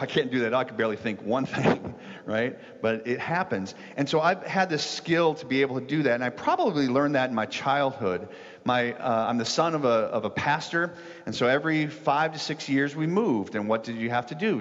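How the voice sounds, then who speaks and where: A man, a pastor, preaching a sermon and telling a joke in an animated storytelling way before turning to his point. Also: medium pitch. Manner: animated storytelling, rises sharply when telling of yelling. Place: church sanctuary. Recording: dull sound with long hall reverb.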